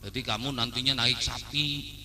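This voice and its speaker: A man's voice: mid-range voice, fairly even intonation, normal speed, bright, forceful tone, reverberant, in a large hall, slight background noise. A man giving a humorous sermon and acting out little dialogues between characters. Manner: acts out dialogues, sings folk songs. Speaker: preacher. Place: outdoor wedding reception stage.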